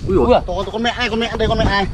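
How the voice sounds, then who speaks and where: A young man, hosting an outdoor video and exclaiming loudly in amazement while digging in a field. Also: high voice, steady tone, rapid-fire, gravelly, crowd noise. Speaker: video host. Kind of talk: excited outdoor commentary. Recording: background music over field audio. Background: background music.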